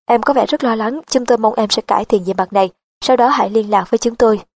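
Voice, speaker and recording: A woman's voice: on the high side, quick pace, a little mellow, no room sound. A woman voicing a businesslike female job recruiter who gives direct advice to applicants.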